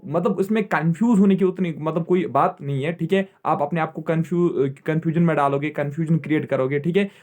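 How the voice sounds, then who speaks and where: High-voiced man teaching a geography class. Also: a little mellow. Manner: repetitive, checks in with "theek hai" constantly; quizzes students and answers himself. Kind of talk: exam-prep lecture.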